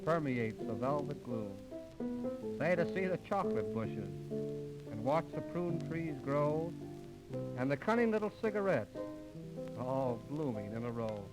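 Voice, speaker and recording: A man's voice: a little high, big pitch swings, measured pace, long pauses, low-quality recording. An American man doing 1930s radio comedy patter and mock recitation in a folksy, mock-formal showman's manner. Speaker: comedian in a singing comedy duo. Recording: old 1930s radio transcription disc, music behind.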